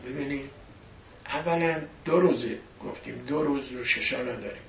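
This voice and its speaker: A man giving a storytelling sermon as a religious teacher, pushing key words louder for emphasis. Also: medium pitch, creaky, slight background noise. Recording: echoey room from a distant dull mic.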